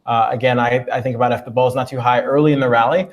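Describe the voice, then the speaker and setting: A man's voice: mid-range voice, fairly even intonation, fast. A man tennis coach on a live panel, reflecting aloud on how he plays points. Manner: reflective, talks through his own thinking.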